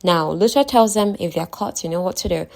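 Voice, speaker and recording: Woman, lowish voice, chatty book recap, conversational asides. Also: brisk, creaky, darkish tone. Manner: chatty, conversational, talks to listeners. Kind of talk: casual story recap with asides.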